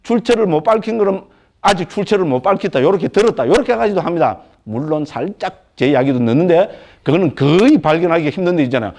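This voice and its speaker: An older man giving a Buddhist lecture as a monk, animated, asking rhetorical questions and checking in with his listeners. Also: a little high, fast talker. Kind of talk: dharma lecture.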